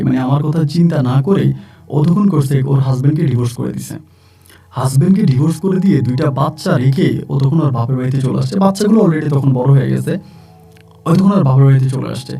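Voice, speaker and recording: A man's voice: mid-range voice, fast talker, vocal fry, dark tone, breathy edge. A man telling his own true-life story in plain, conversational first-person narration, often repeating himself. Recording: distant mic with faint music.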